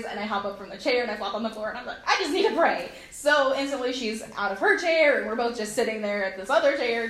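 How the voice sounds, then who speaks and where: A woman telling a heartfelt personal testimony to a congregation in an earnest storytelling way, with frequent pauses and fillers. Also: mid-range voice, fairly bright tone, echoey room, rough recording. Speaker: speaker sharing a personal testimony.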